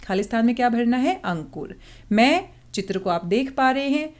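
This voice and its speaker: A woman explains a Hindi worksheet to young pupils in a slightly high voice. She reads each word and passage slowly and carefully, then asks a question and answers it herself in a kind, patient way. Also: expressive. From India. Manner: slow, careful reading aloud of words and passages; addresses pupils kindly, asking and answering own questions. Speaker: Hindi teacher. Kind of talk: worksheet explanation lesson for children.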